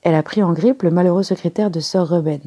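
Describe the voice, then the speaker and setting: A woman's voice: fairly low pitch, quick pace, dark tone, lightly acted. A woman reading a poised young secretary. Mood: insistent. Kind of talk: audiobook character reading.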